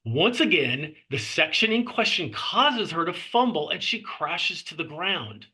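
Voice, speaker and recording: Very animated, this screenplay narrator uses a husky, forceful voice pitched fairly high. He keeps scene headings short and paces the stage directions in measured phrases.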